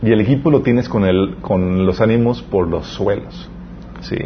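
A man's voice: on the low side, measured pace. Young man, youth preacher, chatty storytelling sermon, slightly muffled audio, faint background hiss. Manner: lively storytelling, addresses the audience directly. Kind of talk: conversational sermon.

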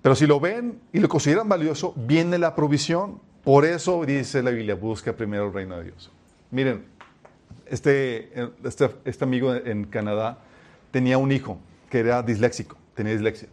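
A man's voice: mid-range voice, normal speed. A young man preaching a sermon, telling stories and calling his listeners "chicos". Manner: addresses listeners as "chicos", lively storytelling.

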